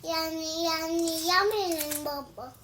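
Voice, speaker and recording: A woman's voice: very high-pitched, steady tone, normal speed, noisy background. A young girl with an Egyptian Arabic accent, chatting playfully with short answers in a home kitchen.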